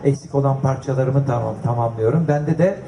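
A man's voice: medium pitch, a little fast, dark tone, a little hiss or hum. An older man chatting casually to an audience as a guest, telling jokey anecdotes. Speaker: guest speaker and collector. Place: festival stage before an audience. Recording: echoey live event sound.

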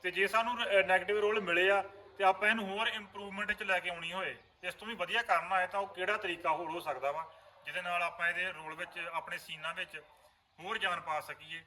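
A man's voice: sits high, steady tone, fairly quick, sharp tone, slight background noise. A man, an actor in a vlog series, earnestly explaining roles to viewers. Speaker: vlogger and actor. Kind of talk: casual chat.

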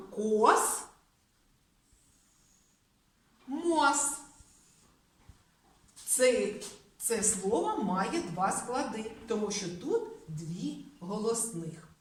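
Співуча вихователька, звучить здалеку. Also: female voice, medium pitch, very animated, a little slow. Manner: sing-song, drawing out sounds for children. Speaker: preschool teacher. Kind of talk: lesson for young children. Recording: roomy, from a distance.

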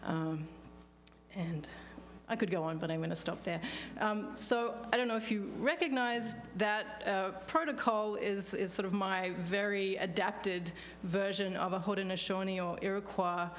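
A woman's voice: medium pitch, steady tone, a little slow. A woman in her forties with an Australian accent, speaking as a panelist at a podium microphone in a lecture hall, thoughtful with frequent fillers and restarts. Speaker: panelist, law professor. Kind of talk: conference talk. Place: law school lecture hall. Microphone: podium microphone on stand.

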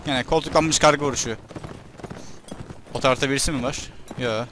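A man doing casual let's-play commentary with a Turkish accent, excitable and shouting at enemies during battles. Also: mid-range voice, a little fast, a little hiss or hum. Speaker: gaming YouTuber.

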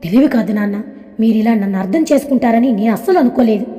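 A woman's voice: on the high side, quick pace, warm tone, long reverb tail, natural voice. A woman voicing a hurt young woman who pleads tearfully with her father. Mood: pleading.

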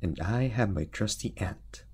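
A man voicing a tiny, brave young knight who speaks in loud, proud, slow declarations in a storybook reading. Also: fairly low pitch, expressive, husky, heavily acted.

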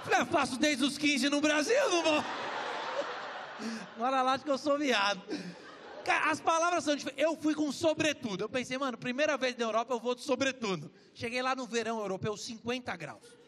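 A man's voice: extremely high pitch, in a large hall. Brash Brazilian male stand-up comic. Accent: Brazilian Portuguese. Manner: brash, crude, jokey storytelling with quick voice switches. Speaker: stand-up comedian. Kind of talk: stand-up comedy set. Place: comedy club stage with live audience. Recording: stage recording with crowd and room noise.

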